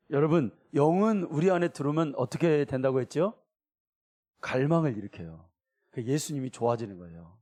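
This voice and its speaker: A man's voice: a little high, a little mellow. A middle-aged man preaching a sermon as pastor, acting out everyday quotes in different voices.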